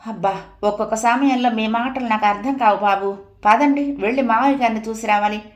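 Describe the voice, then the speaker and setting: A woman voicing a caring young wife who gently coaxes her husband, read aloud in a storybook. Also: fairly high pitch, brisk, reverberant, highs cut off, natural voice. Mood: coaxing. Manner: soft, coaxing.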